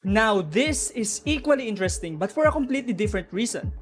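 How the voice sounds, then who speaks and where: With music running beneath her, a woman narrates a casual explainer on game lore, talking to viewers directly and guessing at possibilities. She sounds very animated, her medium-pitched voice moving at a quick pace.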